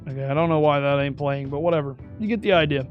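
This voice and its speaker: This streamer talks fast as he guides viewers through his USB desk microphone settings one step at a time, correcting himself along the way and describing his voice as high-pitched. The highs in the audio are cut off, and soft music plays behind him.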